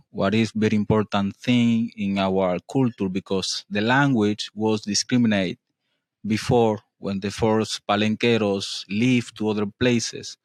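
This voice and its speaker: Man, Colombian accent, Spanish native, low-ish voice, slow pace, halting interpreter's English. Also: no room sound. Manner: halting non-native phrasing. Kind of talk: spoken interpreting in simple English.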